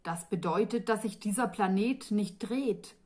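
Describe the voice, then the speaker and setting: A woman's voice: mid-range voice, measured pace, a little mellow, natural voice. A woman voicing an earnest, restless young male sorcerer apprentice in a fantasy audiobook, with an insistent, impatient way of asking and ordering. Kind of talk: audiobook reading of a fantasy novel.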